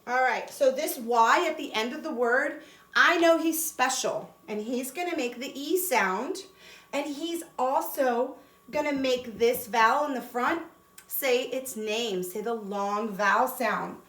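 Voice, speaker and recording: A woman's voice: sits high, measured pace, fairly bright tone, reverberant. A woman teacher giving a cheerful phonics lesson to young children, sounding out letters and words one by one. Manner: cheerful and encouraging.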